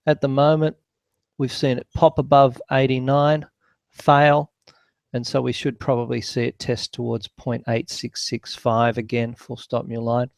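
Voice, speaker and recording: A man giving market commentary as slow dictation, speaking the punctuation aloud as he composes notes. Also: medium pitch, little pitch movement, vocal fry, dry recording. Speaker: forex market analyst and webinar host. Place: office, screen recording voice-over.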